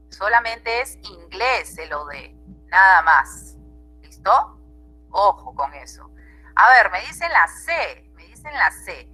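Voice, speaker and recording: A woman's voice: medium pitch, bright, forceful tone, breathy edge, low-quality recording. A woman teacher with a Peruvian Spanish accent, giving an online grammar class and checking in with her students often.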